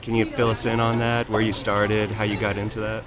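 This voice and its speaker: A man's voice: fairly low pitch, completely flat delivery, a little fast, noisy background. A man co-hosting a podcast, talking casually with hesitant fillers. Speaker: podcast co-host. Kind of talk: casual chat and interview.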